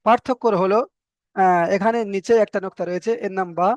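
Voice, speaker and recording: A man's voice: high voice, fairly even intonation, quick pace, smooth, dry recording. A man teaching Arabic letter reading in a patient, explanatory way, with a Bengali accent, repeating letter names and stretching sounds to demonstrate. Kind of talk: explanatory online lesson.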